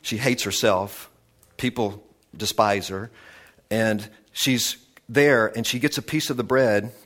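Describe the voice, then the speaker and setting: Male preacher, excited storytelling sermon delivery with lots of restarts. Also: fairly low pitch, slow pace. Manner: animated storytelling with many restarts.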